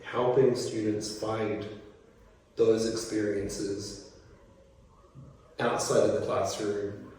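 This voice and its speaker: A man from New Zealand talks through his answers in an easy, meandering way, full of ums and restarts, his voice low and mellow. He sounds set back from the mic in an echoey school room with a faint hum around him. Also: takes it slowly, long pauses, recorded from a distance. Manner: relaxed, rambling, many fillers. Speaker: teacher. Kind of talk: casual interview answers.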